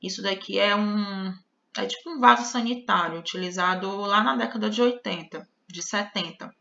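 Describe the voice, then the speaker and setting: A woman's voice: mid-range voice, normal speed, gravelly, pushed and bright. A Brazilian woman with a Brazilian Portuguese accent teaching an online grammar lesson, explaining patiently and checking in with her viewers often. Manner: explanatory, addresses viewers as "gente", frequent "né?" and "ó". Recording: slightly dull lo-fi audio.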